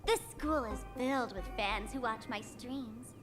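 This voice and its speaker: High, smug young dean played by a woman. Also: a little slow, close to an everyday voice. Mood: smug, teasing. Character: smug, playful young female streamer scheming as school dean. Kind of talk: theatrical scripted game voice acting. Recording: voice over loud game music.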